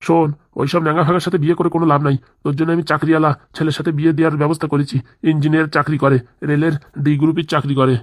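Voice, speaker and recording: A voice actor gives us a rustic old cartoon grandfather, grumbling and self-pitying, who stammers through his complaints at a rapid clip. He sounds mid-pitched, and the recording is dry and close. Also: little pitch movement, dry recording, natural voice. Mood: scolding. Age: older. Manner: stammering, rustic village speech. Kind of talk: cartoon comedy dub.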